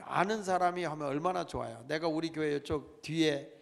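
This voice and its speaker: Middle-aged man, pastor preaching in a church, fairly high voice, long reverb tail. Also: fairly quick, gravelly. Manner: preaching with calls to the congregation and dramatic emphasis. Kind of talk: sermon. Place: church sanctuary.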